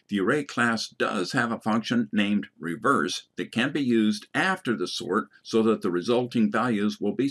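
A man with a lowish, husky voice reads a scripted programming lesson. He speaks as an instructor, in a measured dictating manner that sets out each item clearly for the learner. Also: a bit bright. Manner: dictating code symbol by symbol, punctuation spoken aloud.

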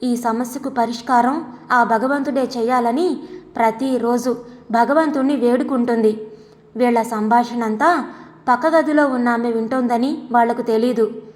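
A woman reads a story aloud in a calm, even narrating voice. Her pitch sits high. A long reverb follows each phrase. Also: measured pace.

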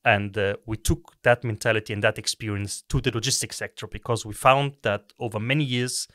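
A middle-aged man from Egypt speaks as a podcast guest, his voice sitting low. He explains step by step, restarting his phrases often. The sound is dry and close. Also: fairly even intonation, a bit bright, no room sound. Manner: measured, explanatory, with repeated restarts. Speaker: guest, tech company co-founder. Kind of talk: podcast interview.

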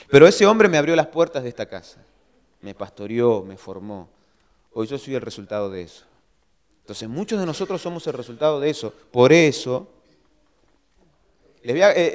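A man preaching a sermon as pastor, telling stories in a lively way and acting out his own shouts. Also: medium pitch. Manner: animated storytelling, acts out his own shouting. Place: church hall. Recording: long church hall reverb.

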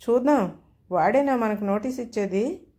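A woman's voice: fairly high pitch, normal speed, dark tone, lightly acted. A woman reading a storybook tale, voicing a harried middle-aged husband who is fed up and exasperated.

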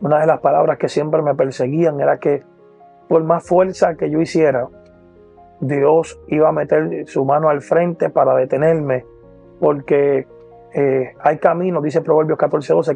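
Gravelly Puerto Rican evangelist. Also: male voice, fairly high pitch, fairly even intonation, normal speed, mellow, soft background music. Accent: Puerto Rican Spanish. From Puerto Rico. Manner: earnest, repeats "poderoso el nombre de Jesús", many "eh" and "¿verdad?". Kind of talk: personal testimony to camera. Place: indoor room with lamp, seated. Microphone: lapel mic.

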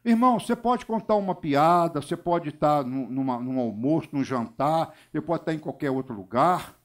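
A man from Brazil preaching a sermon and telling a testimony in a lively storytelling way, acting out the voices. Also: fairly high pitch, moderate pace. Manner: animated storytelling, acts out voices.

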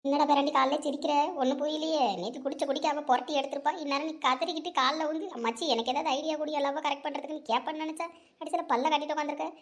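A woman voicing a sharp-tongued old village grandmother in a cartoon, gruff and scolding. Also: sits high, fairly even intonation, very fast, a little hiss or hum. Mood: teasing. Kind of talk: cartoon voice acting.

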